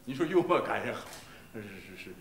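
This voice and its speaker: A man teaching voice in a masterclass, stopping to sing short phrases as examples, in a halting, repetitive way full of fillers. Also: medium pitch, animated, a bit bright. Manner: breaks into sung Italian phrases to demonstrate. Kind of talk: masterclass coaching a singer. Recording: roomy archival class recording, faint hiss.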